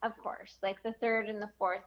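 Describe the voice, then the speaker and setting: A woman's voice: mid-range voice, level tone, normal speed, muffled recording. A woman from Michigan joining a casual podcast chat as a guest over a remote call, friendly and self-deprecating.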